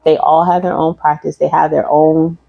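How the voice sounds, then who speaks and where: Her voice is deep, level, and gravelly at a moderate pace, recorded dry with the high frequencies cut off. She's a Michigan holistic practitioner rambling and repeating herself as she wraps up a casual livestream class with viewers.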